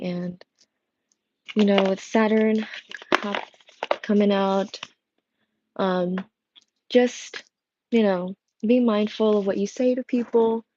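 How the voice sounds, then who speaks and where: A young woman who reads tarot chats casually on a livestream from a home room with a coffee machine, rambling unhurriedly with many fillers and restarts. Her medium-pitched voice sounds strained and worn, with a gravelly edge. Picked up on an earbud headset mic, the audio is dull and has background noise.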